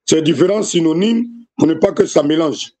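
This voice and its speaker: A man's voice: on the high side, normal speed, warm tone. A man in an online class, asking questions and checking that he understands. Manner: inquisitive, checks his understanding. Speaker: student.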